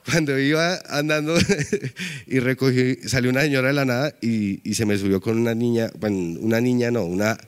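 A man's voice: medium pitch, moderate pace, smooth. A man telling a comic story on stage, chatty and talking straight to the audience. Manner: lively, chatty, addressing the audience.

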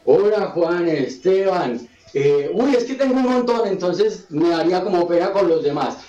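A man's voice: high-pitched, expressive, normal speed, muffled recording. A man, a guest music teacher, explaining songwriting to children in a playful way and breaking into sung chants. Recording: roomy sound from a distant mic. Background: loud instrumental music.

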